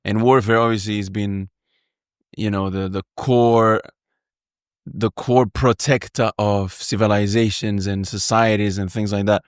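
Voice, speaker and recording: A male roundtable guest with a lowish voice who talks in a relaxed, candid way. The sound is dry and close. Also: measured pace, clean tone, no echo. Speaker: guest, Arabic school founder. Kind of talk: casual roundtable chat.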